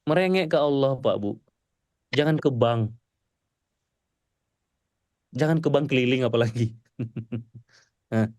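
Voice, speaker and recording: A male preacher giving a mosque sermon to a congregation, animated and pleading, swinging between loud exclamations and soft murmurs. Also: mid-range voice, slow pace, pauses often, dry recording, studio quality.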